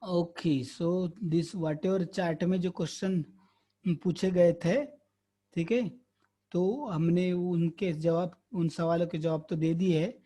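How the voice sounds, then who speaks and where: A man's voice: high-pitched, steady tone, slow, dark tone. A man teaching an online spiritual lesson, answering questions earnestly and explaining through examples and rhetorical questions. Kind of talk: online Q&A lecture, Hindi mixed with English. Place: online class.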